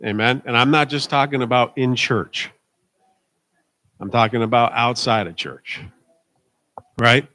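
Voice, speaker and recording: Middle-aged male pastor, loose conversational sermon, emphatic, mid-pitched voice. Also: unhurried, long pauses, pushed and bright. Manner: emphatic, asks the congregation for amens. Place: church service.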